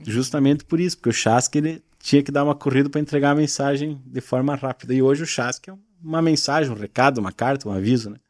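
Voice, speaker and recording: This southern Brazilian man, a gaúcho culture content creator, is a podcast guest who patiently explains regional expressions over casual chat and leans on frequent tag questions. He talks quickly with hardly any pauses, in a mid-range, darkish voice, recorded dry at studio quality.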